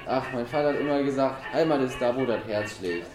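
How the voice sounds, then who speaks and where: A man's voice: medium pitch, brisk, echoey room, over music, natural voice. A man voicing a touchy married guest who snaps at a nosy stranger. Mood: defensive. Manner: brusque, defensive.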